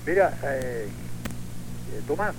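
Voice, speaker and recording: An older Cuban man with a Cuban Spanish accent, a guest on a radio interview speaking from inside Cuba, halting with many fillers and restarts. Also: medium pitch, animated, background noise.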